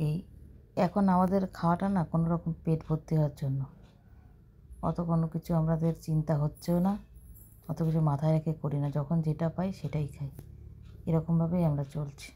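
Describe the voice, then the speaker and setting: Low mellow-voiced woman vlogging. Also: a little hiss or hum. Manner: soft and coaxing. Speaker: caregiver vlogger. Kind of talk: casual vlog narration.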